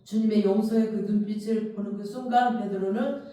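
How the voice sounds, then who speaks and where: A pastor preaching a sermon in a church, telling the story with strong emotion and bursting into loud, heated outbursts. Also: medium pitch, brisk. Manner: emotional, animated storytelling with shouted imagined outbursts. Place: church sanctuary. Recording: very echoey hall, distant mic.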